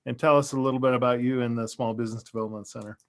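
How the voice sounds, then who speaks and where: A man's voice: mid-range voice, fairly even intonation, very fast. A man hosting a podcast in casual chat, with a jokey, folksy way of talking. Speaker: podcast host.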